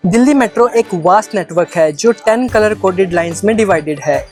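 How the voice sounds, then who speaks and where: A man's voice: sits high, fairly quick, darkish tone, soft background music. A man with an Indian accent giving step-by-step travel guide narration, instructional and mixing in English phrases. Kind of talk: step-by-step explanatory vlog narration.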